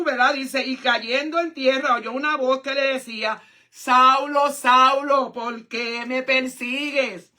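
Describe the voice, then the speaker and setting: A woman preaching a fervent sermon in a high, bright voice. She talks to her congregation in a conversational way, checking in with them often and breaking in with hallelujahs and drawn-out exclamations.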